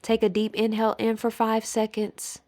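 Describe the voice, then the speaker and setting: Leading a guided meditation, a female instructor speaks in a voice on the high side, keeping it monotone. Her delivery is soothing and deliberate, broken by gentle pauses.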